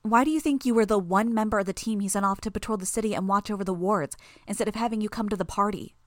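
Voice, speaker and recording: A woman voicing a sly, fast-talking young female villain who needles and persuades, her voice pitched up. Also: dry recording, studio quality, close to an everyday voice. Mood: taunting.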